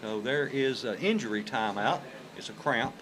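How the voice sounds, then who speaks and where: A man's voice: mid-range voice, normal speed, a crowd in the background, rough recording. A man giving conversational play-by-play of a football game in a folksy, informal way. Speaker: play-by-play announcer for high school football. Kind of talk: conversational live sports commentary. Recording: live game broadcast with clear background noise.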